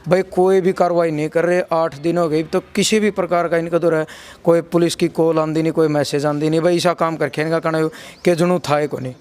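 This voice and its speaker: A local reporter with a Haryanvi accent interviews a family on location, then restates their accounts in spoken summaries, repetitively and with a brotherly way of addressing listeners. His voice sits on the high side, level and slightly darkish, and he talks a little fast.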